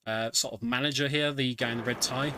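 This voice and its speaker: A brisk, bright, forceful male voice of medium pitch and fairly even intonation, with no echo. He's a speedrunner giving somewhat hesitant explanatory commentary on his own game, backed by video game music.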